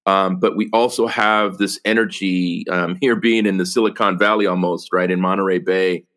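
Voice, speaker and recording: A man's voice: low voice, fairly even intonation, normal speed, fairly bright tone. A man from El Salvador, a podcast guest talking earnestly about his work, with many fillers and restarts. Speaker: podcast guest, company executive. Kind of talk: casual interview conversation.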